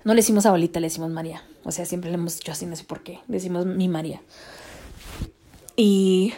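With a fairly low pitch and quick pace, a young vlogger chats her way through a story. She drops in English words and stays slangy and animated while retelling events.

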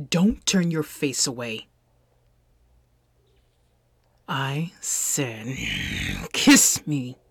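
A woman's voice: extremely low pitch, animated, drawn-out words, slightly rough, dry recording, full character voice. A woman playing a possessive, seductive female alien in an audio roleplay, teasing and commanding in a whispery voice.

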